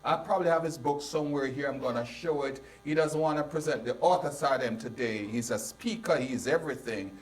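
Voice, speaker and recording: A man's voice: medium pitch, far from the mic. Rambling Caribbean man hosting a panel. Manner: rambling, halting, many restarts. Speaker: host.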